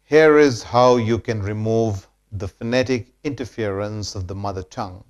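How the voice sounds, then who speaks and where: A man with an Indian English accent giving a scripted pronunciation lesson, deliberate and repeating key sentences. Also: lowish voice. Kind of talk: slow scripted lesson narration.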